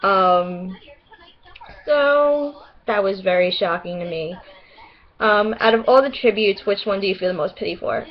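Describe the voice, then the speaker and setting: A young woman with a New York accent, rambling excitedly and swearing casually in a casual vlog. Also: mid-range voice, measured pace, lo-fi sound. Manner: chatty, excitable, swears casually, laughs often. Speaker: vlogger.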